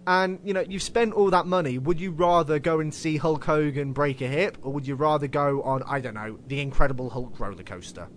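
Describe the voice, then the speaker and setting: A man's voice: a little high, a little fast, hardly any pauses, slight background noise. A man hosting a casual wrestling podcast, swearing casually and laughing at his own slips. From United Kingdom. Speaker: podcast host.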